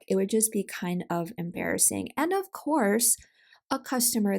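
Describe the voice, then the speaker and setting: Woman vlogger, conversational desk-side delivery, noticeable vocal fry, mid pitch. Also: a little mellow. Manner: chatty, conversational, with asides and self-corrections. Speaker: self-publishing vlogger. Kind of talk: casual talking-head advice.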